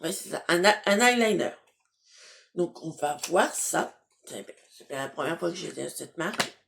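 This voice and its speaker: A woman's voice: lowish voice, expressive, a little slow, vocal fry, fairly bright tone, a little hiss or hum. A woman casually chatting to her viewers while unboxing beauty products, hesitant, with many fillers and restarts, laughing at herself. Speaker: beauty box unboxing vlogger.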